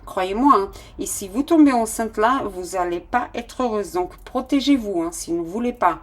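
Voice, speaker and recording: A woman's voice: mid-range voice, animated, moderate pace. A woman giving a casual tarot reading, affectionate and full of fillers as she talks to her listeners. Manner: affectionate, calls listeners "my loves", many fillers. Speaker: tarot reader.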